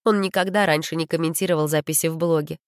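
A woman narrating a children's story in the first person, with expressive storytelling. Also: low voice, fast talker, no room sound, clean studio sound. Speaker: audiobook reader.

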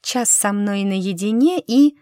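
A woman's voice: mid-range voice, slow, dark tone, no room sound, clean studio sound, voice pushed up, natural voice. A woman voicing a sly, bold young woman commander in an audiobook, pushy and mocking. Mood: insistent.

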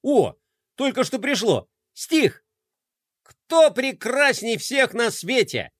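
A man's voice: extremely high pitch, very animated, slow pace, a bit bright, dry recording, studio quality, pitched above the performer's own voice, exaggerated voice. A man voicing an ever-positive young boy hero in a storybook reading, upbeat and enthusiastic. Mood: excited.

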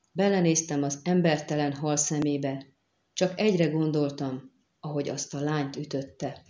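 A woman voicing a wary young woman telepath and spy who talks low and guarded, in an audiobook reading. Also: warm tone, reverberant, dull audio, close to an everyday voice. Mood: grim.

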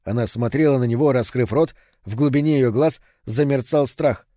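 Mellow man narrating an audiobook. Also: mid-range voice, moderate pace, no echo, clean studio sound. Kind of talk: scripted narration.

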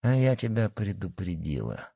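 A man's voice: sits low, measured pace, slightly rough, dry recording, clean studio sound, full character voice. A man voicing a bold teenage girl who answers firmly and scornfully in an audiobook. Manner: firm, scornful, even. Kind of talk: audiobook character reading.

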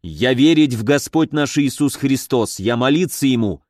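A man doing a proud, blunt German mercenary captain from an audiobook, speaking broken Russian with a German accent. The words come flat and stubborn, in a dry close recording with no room sound. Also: mid-range voice, moderate pace, dry recording, natural voice. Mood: indignant.

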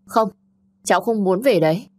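A woman's voice: mid-range voice, moderate pace, pitched above the performer's own voice, natural voice. A woman narrator voicing a tearful, pleading seventeen-year-old girl. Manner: sobbing, pleading.

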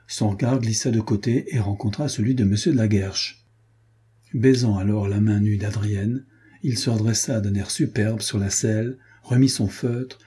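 A man narrating a classic adventure novel in a measured, literary manner. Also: fairly low pitch, mellow, breathy edge. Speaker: audiobook narrator. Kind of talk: scripted narration.

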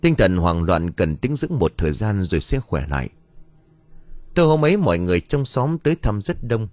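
A man narrating a story from a script, telling it in an expressive way. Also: fairly low pitch, a little fast, no echo. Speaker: audiobook narrator.

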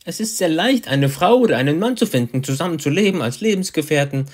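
A man interprets a sermon phrase by phrase, following right behind the preacher. His delivery is animated, with pitch moving up and down freely. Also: fast. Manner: renders each phrase right after the preacher.

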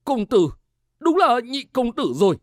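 A man voicing a timid old male servant who guards a gate, speaking slowly and hesitantly with a quavering voice. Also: sits high, expressive, no echo, studio quality. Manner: slow, quavering, hesitant with fillers.

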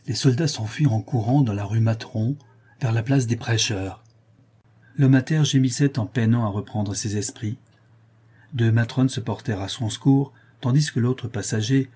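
Dark husky male audiobook narrator. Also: mid-range voice. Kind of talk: scripted historical novel narration.

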